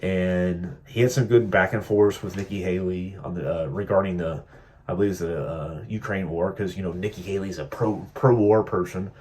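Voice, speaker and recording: A political vlogger offers casual commentary, sarcastic and joking, rambling along with plenty of fillers and doing mocking impressions of politicians. His voice sits low and has a darkish tone, with fairly even intonation and a moderate pace.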